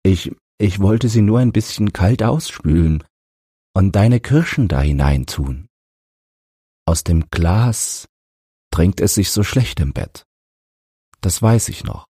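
A man playing a gentle, helpless father who talks in a soothing, apologetic way. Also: deep voice, lively intonation, slow pace, pauses often, slightly rough, no room sound, studio quality, pitched above the performer's own voice, full character voice.

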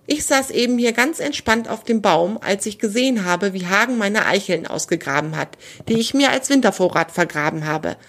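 A woman voicing a proud, loud female jay bird in a children's storybook reading. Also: medium pitch, normal speed, hardly any pauses. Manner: loud and excited.

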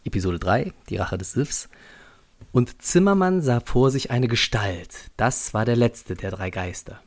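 A man's voice: medium pitch, animated, unhurried. A man narrating a scripted story on a school podcast in a dry, lightly ironic way.

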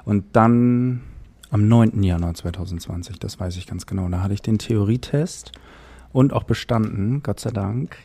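Mellow-voiced man chatting easily. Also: on the low side, moderate pace, husky. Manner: relaxed, chatty storytelling. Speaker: podcast co-host. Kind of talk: casual chat.

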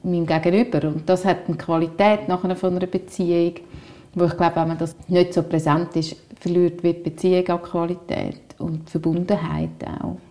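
A woman's voice: on the low side, flat delivery, a little fast, warm tone. A woman with a Swiss German accent, a school counselor co-hosting a podcast, talking in a thoughtful, reflective way and often repeating words while she searches for the right ones. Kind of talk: reflective casual chat.

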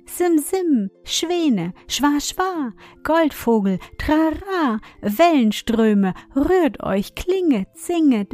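A woman voicing two tiny, sweet silvery fairy voices chanting a rhyme in a high sing-song. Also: darkish tone, no room sound, exaggerated voice.

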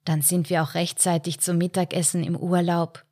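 A woman's voice: on the low side, flat delivery, moderate pace, darkish tone, lightly acted. A woman reading the lines of a nervous middle-aged husband who dodges questions and jokes to cover a secret. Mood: soothing. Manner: pressed, evasive, forced joking.

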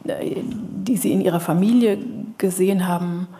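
A woman's voice: fairly low pitch, normal speed, gravelly, mellow, slight background noise. A woman moderating a literary evening, asking an author questions in a hesitant way with fillers and restarts. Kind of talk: interviewing an author on stage.

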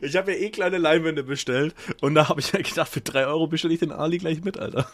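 A young man co-hosting a podcast in casual chat, teasing his friend with deadpan banter. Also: fairly high pitch, quick pace. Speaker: podcast co-host.

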